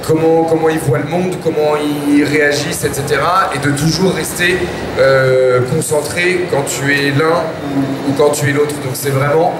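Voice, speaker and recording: A man interpreting on the spot in an informal, halting way. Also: a little high, steady tone. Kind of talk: unscripted consecutive interpreting. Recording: very noisy, echoey room.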